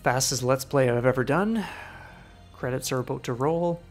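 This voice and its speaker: Easygoing male Let's Play host, gravelly voice, casual upbeat commentary. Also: mid-range voice, moderate pace. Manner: upbeat, easygoing, reads game text aloud. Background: faint game music.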